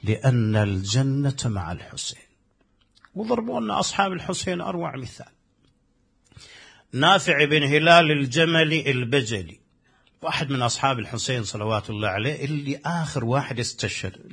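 A husky, gravelly man preaches. He tells the story with passion and voices each quoted speaker, his delivery rising in force at the key moments. His voice sits at an ordinary male pitch. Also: a bit bright. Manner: impassioned, acts out quoted dialogue with rising force. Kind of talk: sermon storytelling.

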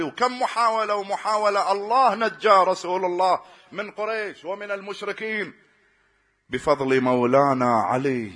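Impassioned preacher, bright voice. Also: male voice, a little high. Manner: impassioned, swells to loud cries, repeats phrases rhythmically. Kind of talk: impassioned religious sermon with storytelling.

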